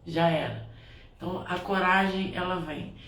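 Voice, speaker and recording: A woman's voice: lowish voice, steady tone, normal speed, fairly bright tone. A woman who performs spiritual blessings shares a heartfelt, rambling reflection at home, restarting her sentences often. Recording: roomy, distant from the mic, faint ambient noise.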